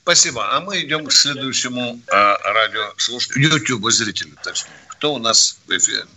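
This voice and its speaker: Bright-voiced brisk radio host, man. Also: medium pitch, lively intonation. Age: older. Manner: brisk, argues with callers. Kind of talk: call-in radio talk.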